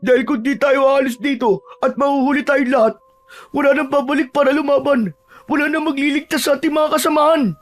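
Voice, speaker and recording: A man doing a cocky young tribesman, high-voiced. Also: steady tone, fairly quick. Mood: urgent. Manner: bossy and scornful.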